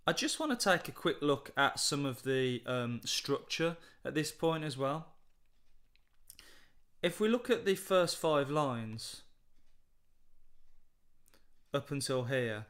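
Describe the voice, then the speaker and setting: A man tutoring students through a poem, thinking aloud in a measured way with fillers and small restarts. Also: on the high side, animated, a bit bright. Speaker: English literature tutor. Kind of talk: explaining a poem in a lesson.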